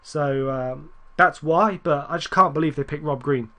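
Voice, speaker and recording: Man, gaming commentary, slightly high voice, rambling, self-correcting, keyboard clicks behind. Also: moderate pace. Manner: rambling, self-correcting, excitable at near misses. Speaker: gaming YouTuber. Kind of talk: casual gameplay commentary.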